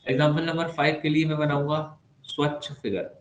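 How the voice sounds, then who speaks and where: A man's voice: a little high, level tone, a little fast, muffled recording. A man teaching maths in an online class, playful and chatty, teasing his students with asides. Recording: echoey room with faint background noise.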